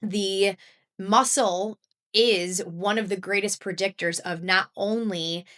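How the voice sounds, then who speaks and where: A woman's voice: medium pitch, fairly even intonation, slow pace, a bit bright. A woman in her thirties hosting a solo podcast, talking casually and upbeat, with many fillers and frequent laughs. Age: 30s. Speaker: podcast host and health coach.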